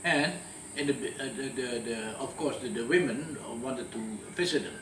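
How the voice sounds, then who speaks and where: A man from Indonesia, now in his eighties, speaks at medium pitch and a moderate pace while recounting wartime memories in an interview. He tends to restart and repeat words; the room echoes, the mic sits far away, and a faint hum runs underneath.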